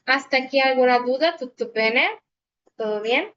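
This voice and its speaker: A woman's voice: high-pitched, moderate pace, a bit bright, slight background noise. A woman whose first language is Italian, teaching an online language class in Spanish, patient and explanatory, often checking in with "ok?". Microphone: phone recording of a video call. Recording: dull phone recording of a video call.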